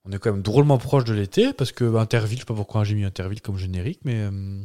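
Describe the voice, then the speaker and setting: A man's voice: on the low side, very fast, warm tone. A man co-hosting a casual, jokey chat podcast, bantering and laughing often. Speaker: podcast co-host.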